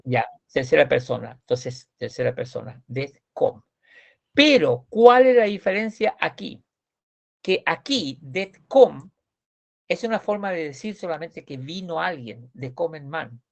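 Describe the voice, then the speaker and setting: A man's voice: on the high side, expressive, a little slow, vocal fry, lo-fi sound. A man teaching a language grammar class, explaining patiently and often asking students if they follow. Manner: patient, repeats words, asks checking questions. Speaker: Swedish teacher.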